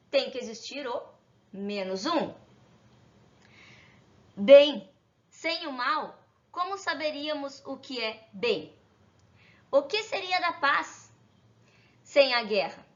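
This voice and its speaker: Teacher woman with a high voice. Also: fairly bright tone. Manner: friendly, explains with examples and rhetorical questions. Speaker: Portuguese teacher. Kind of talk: online grammar lesson. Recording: echoey, dull lo-fi room sound.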